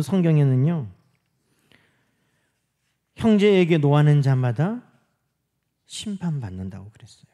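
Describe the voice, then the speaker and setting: A middle-aged man preaching a sermon. His voice sits high, and its pitch rises and falls a great deal. He acts out the lines he quotes and sometimes sinks to a whisper. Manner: animated preaching, acting out quoted speech, dropping to whispers. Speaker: pastor.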